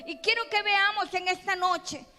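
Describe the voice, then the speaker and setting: A woman pastor with a Costa Rican accent, preaching a sermon in a church with impassioned, emphatic delivery that swells to loud peaks. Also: very high-pitched, fairly even intonation, normal speed. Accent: Costa Rican Spanish. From Costa Rica. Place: church hall. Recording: reverberant church hall with music.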